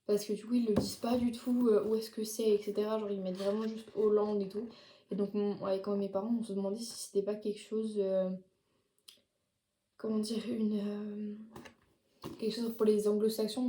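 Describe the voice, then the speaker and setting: A teenage girl talks through her haul in a loose, chatty way, leaning on casual fillers as she goes. Her voice is mellow and relaxed. The room around her rings with noticeable echo. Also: medium pitch, moderate pace. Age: late teens. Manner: chatty, many fillers like "genre" and "du coup". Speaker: vlogger. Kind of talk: casual haul video chat. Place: her bedroom.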